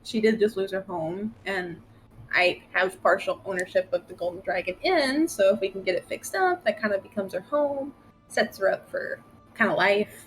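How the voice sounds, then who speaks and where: A woman's voice: mid-range voice, fairly bright tone, close to an everyday voice, poor audio. A woman playing an earnest male bard. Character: selfless male bard, earnest and quietly scarred.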